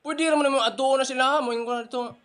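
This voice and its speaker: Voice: high voice, steady tone, fast, fairly bright tone, clear, resonant tone. Give me a comedian playing every role in a skit. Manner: switches between put-on voices. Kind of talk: one-person comedy skit, playing several parts.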